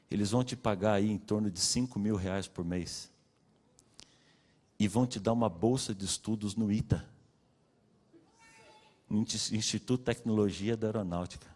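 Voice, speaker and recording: A man with a Brazilian Portuguese accent preaching a sermon, telling his own story and acting out the dialogue with swings in pitch and loudness. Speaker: pastor. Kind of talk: sermon testimony. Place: church hall. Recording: long reverb of a church hall.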